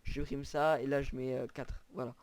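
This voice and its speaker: A man's voice: medium pitch, flat delivery, normal speed. A young man walking viewers through a computer setup in a casual, hesitant tutorial style, with frequent fillers. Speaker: tutorial creator. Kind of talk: screen-recorded gaming tutorial.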